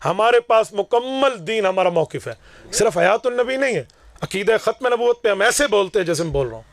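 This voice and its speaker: A man preaching a fiery sermon to a gathering, declaiming forcefully and acting out both sides of his own stories. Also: high voice, lively intonation. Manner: forceful, declaiming, acts out dialogues. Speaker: Islamic preacher.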